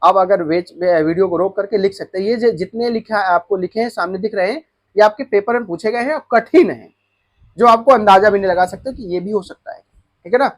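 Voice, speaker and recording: Young male exam tutor, high voice, repeats answers and checks in with the class. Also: a little fast. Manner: explains answers by repeating them and checking in with students. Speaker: exam coaching teacher. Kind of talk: Hindi exam-prep lesson.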